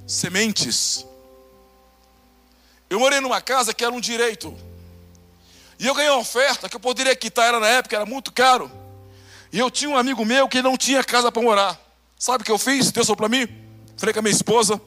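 A high-pitched male pastor with a Brazilian Portuguese accent preaches a testimony sermon. He acts out conversations and swings between loud bursts and hushed lines.

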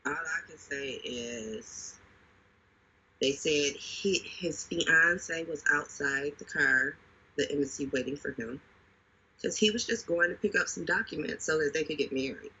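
A man talking casually with a very husky, bright voice. He retells things dramatically and leans on repetition. The recording sounds dull and lo-fi. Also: on the high side, measured pace. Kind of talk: casual conversation. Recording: dull lo-fi audio.

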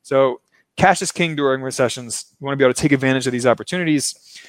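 In a low-quality, dry recording, a man with a mid-range voice talks quickly as he hosts a casual finance chat. He's from Baltimore, Maryland, broadcasting remotely from Brazil, and he laughs a lot while explaining things in a loose lecturing manner.

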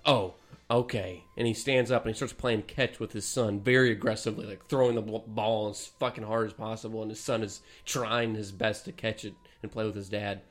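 Brief: male podcast co-host, animated storyteller, salty language. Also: fairly low pitch, fairly quick, hardly any pauses. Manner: animated storytelling, swearing, laughing mid-story. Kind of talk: casual chat.

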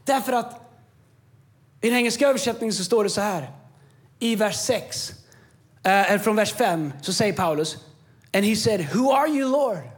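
A man giving an impassioned sermon as a pastor on a church stage, swinging from quiet stretches to shouting. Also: high voice, expressive, pauses often. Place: church stage with music behind.

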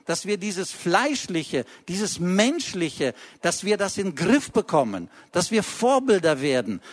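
Guy giving a church sermon, kinda high voice, earnest and scolding. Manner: earnest, admonishing, with emphatic short phrases. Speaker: preacher. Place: church service.

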